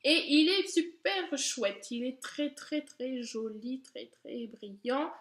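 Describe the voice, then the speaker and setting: A woman with a high voice talks casually and gushes with enthusiasm as she presents her haul. The sound is echoey and roomy. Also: animated, slow pace, fairly bright tone. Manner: enthusiastic, gushing, chatty with fillers. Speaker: beauty vlogger. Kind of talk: casual product haul chat.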